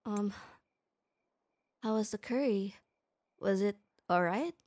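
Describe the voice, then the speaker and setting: She takes it slowly, her mid-range voice a little mellow. The speaker is a young woman in a close-mic ASMR roleplay for the listener, acting as a shy tomboy who is gruff but kind and who stammers and speaks hesitantly.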